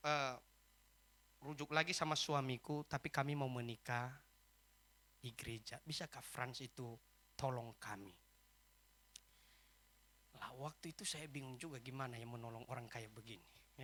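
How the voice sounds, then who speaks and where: A male pastor preaching in a church service, telling a story with quoted dialogue and rising to loud, emphatic peaks. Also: mid-range voice. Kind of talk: sermon with acted anecdotes.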